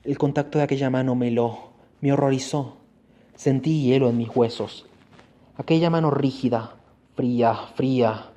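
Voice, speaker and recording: A man reading a gothic horror story aloud for a radio program, slow with dramatic pauses and repetitions. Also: medium pitch, steady tone, mellow.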